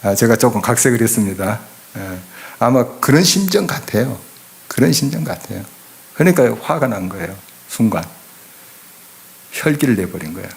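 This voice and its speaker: A man's voice: mid-range voice, sing-song, moderate pace, gravelly. A middle-aged man preaching an expository sermon in church, emphatic and full of rhetorical questions to the congregation. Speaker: pastor. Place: church sanctuary.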